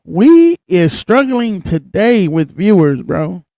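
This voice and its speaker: A young man co-hosting a casual chat show, talking in an animated, excitable way and swearing freely. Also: high voice, slow, gravelly, dry recording. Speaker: co-host.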